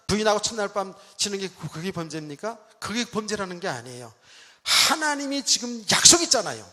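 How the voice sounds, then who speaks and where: High bright-voiced man preaching in a reverberant church. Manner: dramatic, acts out quoted speech, swings loud and soft; asks the congregation questions. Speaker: pastor. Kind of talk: sermon. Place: church sanctuary. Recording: long church hall reverb.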